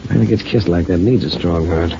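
An actor playing a stern, dry, skeptical private investigator who questions and narrates in an old-time radio detective drama. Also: male voice, low voice, fast talker, vocal fry. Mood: brooding, wry. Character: hard-boiled, wry, skeptical male private investigator narrating his case. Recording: dull, noisy old radio recording.

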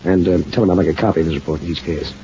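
An actor playing a stern, dry, skeptical private investigator who questions and narrates in an old-time radio detective drama. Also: male voice, sits low, fairly even intonation, very fast, mellow, natural voice. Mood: brisk, commanding. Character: hard-boiled, wry, skeptical male private investigator narrating his case. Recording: dull, noisy old radio recording.

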